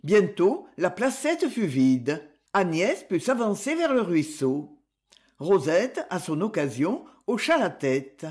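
A woman narrating a classic novel as an audiobook, reading in an unhurried, expressive way. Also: lowish voice.

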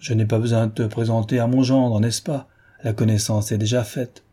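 A man voicing a jovial, loud middle-aged sugar refiner with a big, hearty voice, in a novel reading. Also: flat delivery, moderate pace, slightly rough, close to an everyday voice. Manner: booming, bluff.

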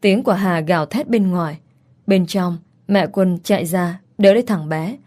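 Woman narrating a dark story, mellow. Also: fairly low pitch, moderate pace. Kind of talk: scripted first-person story narration.

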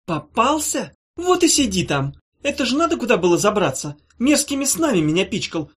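A woman's voice: on the high side, very animated, normal speed, slightly rough, pitched above the performer's own voice. Woman playing a fierce vengeful former witch. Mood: furious. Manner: sharp, scolding.

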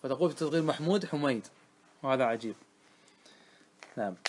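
A man teaching a grammar lesson, reciting lines of verse slowly and then explaining them, often asking his students questions. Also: mid-range voice, expressive. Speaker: sheikh teaching Arabic grammar. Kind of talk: classroom lesson on a grammar poem.

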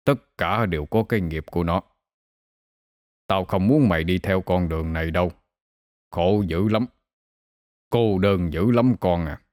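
Old village exorcist played by a man, deep voice, slow and heavy. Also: a little mellow, no echo, clean studio sound. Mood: weary. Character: old male village exorcist, gruff and weary.

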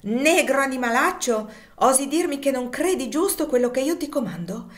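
A woman's voice: medium pitch, normal speed, natural voice. Legree, a brutal plantation master, as a woman puts him on. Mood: furious. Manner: harsh, shouting, scornful. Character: cruel brutal male plantation master, middle-aged.

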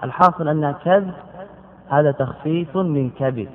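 A man giving a classical Arabic grammar lesson, drilling word forms by repeating them slowly and putting questions to his students. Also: a little high. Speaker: grammar teacher. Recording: tinny phone-like lecture recording.

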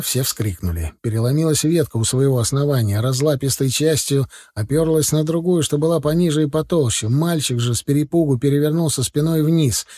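A man narrating a first-person audiobook in a steady, plain storytelling manner. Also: mid-range voice, slightly rough, dry recording, clean studio sound.

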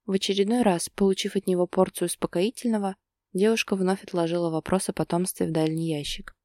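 A woman narrating a romance story in steady, scripted audiobook style. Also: fairly low pitch, fast talker, no echo, studio quality.

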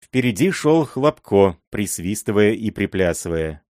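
A man narrating classic prose in an expressive, dramatic storytelling way on a close mic. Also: fairly low pitch, measured pace, no room sound. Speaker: audiobook narrator. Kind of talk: audiobook reading of classic prose.

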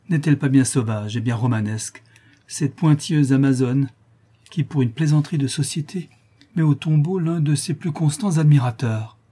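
A man's voice: mid-range voice, dark tone, slightly rough, lightly acted. A man voicing a dying young nobleman who speaks faintly, then with sudden firmness, in a classic novel reading. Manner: faint, halting then firm. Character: dying young count, feverish and weak.

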